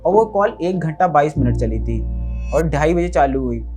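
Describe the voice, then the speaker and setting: A man who survived a fire, giving an earnest, rambling eyewitness account to an interviewer with many fillers. He often drops to a quieter voice as he recounts it. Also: on the high side, animated, normal speed, soft background music.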